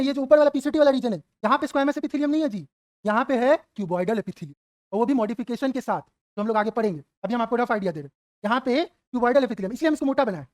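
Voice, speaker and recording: A man's voice: very high-pitched, no room sound. A man teaching biology, firing off rhetorical questions, checking whether students follow, and playfully voicing their imagined replies. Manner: keeps asking rhetorical questions and checking "got it?". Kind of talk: exam-prep lecture at a whiteboard.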